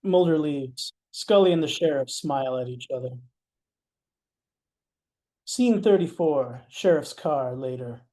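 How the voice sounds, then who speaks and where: A man's voice: fairly high pitch, expressive, measured pace, long pauses, dark tone. A man narrating stage directions in a matter-of-fact way, with wry asides. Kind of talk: scripted narration.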